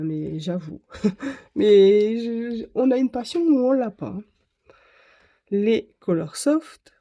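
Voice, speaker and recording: A woman's voice: on the low side, mellow, breathy edge. A woman vlogger chatting casually to camera, rambling and correcting herself as she shows her art supplies. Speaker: craft vlogger.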